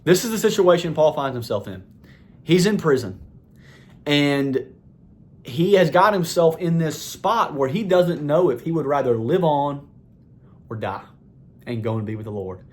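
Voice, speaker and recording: Male preacher, earnest and exhorting, slightly raised pitch, repetitive emphatic delivery. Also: animated, a little slow, pauses often. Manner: earnest, exhorting, rises higher and louder for emphasis; repeats phrases for emphasis. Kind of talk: sermon.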